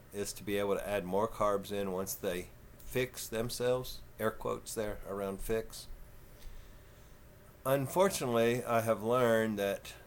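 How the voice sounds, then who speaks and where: A man's voice: on the low side, slight background noise. Folksy Texan man in his fifties. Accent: Texan southern twang. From Texas. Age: 50s. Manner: slow, folksy, rambling. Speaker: vlogger. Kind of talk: casual vlog talk.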